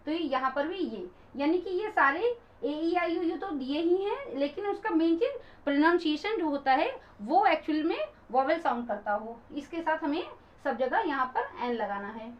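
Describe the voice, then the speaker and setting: A woman's voice: high voice, expressive, moderate pace. A woman teacher patiently explaining grammar to viewers, calling them friends and switching into English example sentences. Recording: dull lo-fi recording.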